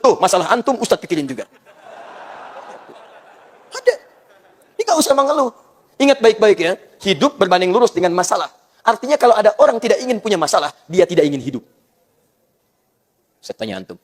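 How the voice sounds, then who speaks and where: Animated male preacher in a reverberant hall. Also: high voice. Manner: animated, joking, acts out little quoted scenes. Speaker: ustadz preacher. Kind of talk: sermon.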